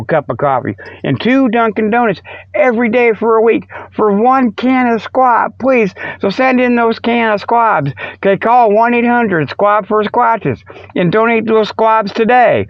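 A man with a high-sitting voice hosts a radio show, delivering a rambling, folksy, jokey monologue full of homespun exclamations. There's no echo, but the stream is muffled, dull and lo-fi.

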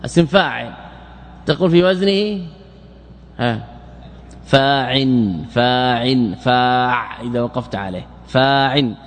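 A man teaching Arabic morphology as a sheikh, repeating words and asking and answering his own questions. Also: on the high side. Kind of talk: classroom lecture explaining grammar. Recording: long reverberant hall.

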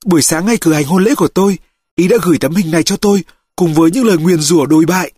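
A bitter older mother, fierce and indignant, as a man puts her on in a raised voice. She speaks with sharp resentment in an audiobook reading. The sound is dry and close. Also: a little high, racing, breathy edge, dry recording, pitched above the performer's own voice.

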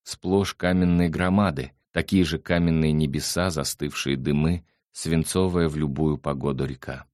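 A man narrating a novel in a measured, even storytelling manner. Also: extremely low pitch, no room sound, clean studio sound. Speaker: audiobook narrator. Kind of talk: scripted narration.

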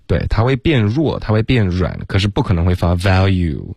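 A man with a very low voice teaches English pronunciation on a radio lesson. He explains patiently, murmuring agreement and mixing English words into his Chinese, and the sound is close and dry. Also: big pitch swings, moderate pace, vocal fry, darkish tone, slightly rough, dry recording, highs cut off. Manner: frequent back-channel murmurs. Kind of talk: casual radio lesson chat.

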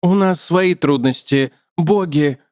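A man voicing a polite, chatty male spider who calmly lectures a human in a raised voice. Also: on the high side, slow, no echo, clean studio sound, pitched above the performer's own voice. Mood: courteous. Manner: courteous, matter-of-fact, lecturing.

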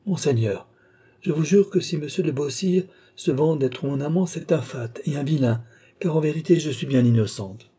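A man's voice: on the high side, normal speed, dark tone, breathy edge, voice pushed up. A man voicing a flustered young maid. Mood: pleading, protesting. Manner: pleading, protesting, coaxing. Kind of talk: audiobook reading.

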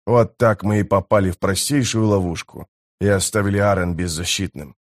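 A man voicing a wary, grim male historian who speaks quietly and with restraint, in an audiobook. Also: low-pitched, steady tone, normal speed, lightly acted.

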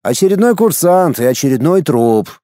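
A man's voice: fairly high pitch, sing-song, normal speed, mellow, dry recording, studio quality. A man voicing an irritable middle-aged male soldier officer who talks brusquely and exclaims a lot. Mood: irritated.

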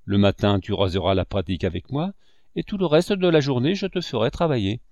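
A jovial, boastful middle-aged barber from a storybook, declaiming with swooping, animated pitch, as a male narrator puts him on. He sounds exuberant and sure of himself. The voice is close and dry. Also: brisk, no echo. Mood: enthusiastic. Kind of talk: audiobook character voice.

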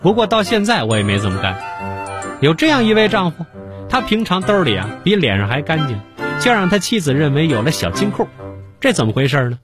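Male TV host, playful storyteller, animated delivery over background music. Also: fairly high pitch, a little fast. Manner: lively storytelling with punchlines. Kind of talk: studio TV comedy show hosting.

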